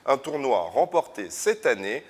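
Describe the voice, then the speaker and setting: A man presenting and narrating local television news reports in a measured, scripted way. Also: mid-range voice, very animated, husky.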